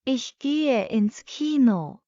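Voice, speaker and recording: A woman reads short practice sentences for learners at a very unhurried crawl, repeating each one. Her voice sits a little high, and the recording is dry and slightly dull. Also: lively intonation, dark tone, no echo. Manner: reads each sentence twice, very slowly and evenly. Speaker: language lesson reader. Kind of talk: slow repeated phrase reading for learners.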